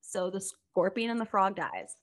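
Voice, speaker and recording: A woman's voice: medium pitch, normal speed. A young woman co-hosting a podcast, chatting casually and telling a story with lots of laughter. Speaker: podcast co-host. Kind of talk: casual chat recapping a reality show.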